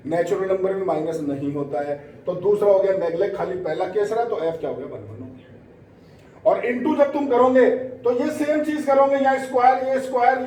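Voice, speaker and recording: A man teaching a maths revision class with a fairly high voice. He fires off quick rhetorical questions and drops English maths terms into his explanations. He sounds a little distant from the mic, with room echo and faint background noise. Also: mellow. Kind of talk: exam revision lesson.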